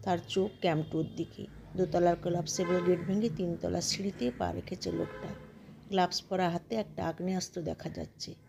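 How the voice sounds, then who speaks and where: A woman reading a short story aloud in a steady, measured narration. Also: lowish voice, vocal fry, noisy background. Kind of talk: scripted narration.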